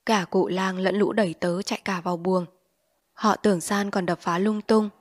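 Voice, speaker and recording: A woman reading a short story aloud as audiobook narrator, with steady, expressive storytelling. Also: medium pitch, moderate pace.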